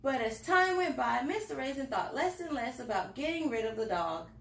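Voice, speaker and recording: This library storytime reader has a high-sitting, expressive voice with some vocal fry, moving at a moderate pace. She gives a picture book an expressive reading for the children, adding small asides along the way. The indoor space echoes noticeably.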